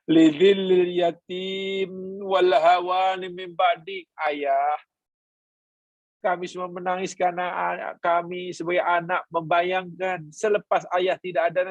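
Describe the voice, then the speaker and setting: High-voiced man preaching a class. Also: vocal fry, no room sound, highs cut off. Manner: storytelling, voicing family members and quoting Arabic. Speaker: religious teacher. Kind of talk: sermon.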